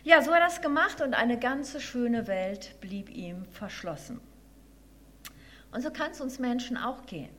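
A woman tells a children's animal story in a gentle, expressive way, then turns it into a brief devotional reflection. Her voice sits somewhat high for a woman. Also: a little slow, a little hiss or hum.

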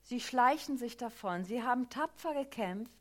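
A woman preaching a sermon, retelling a Bible story in a lively, emphatic way with many small fillers. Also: fairly high pitch, normal speed.

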